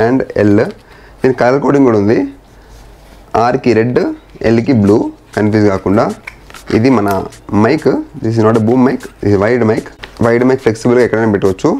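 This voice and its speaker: This motorcycle vlogger has a mellow voice on the low side, with slight background noise behind him. He chats informally through an installation he's doing by hand, dropping in English words and phrases.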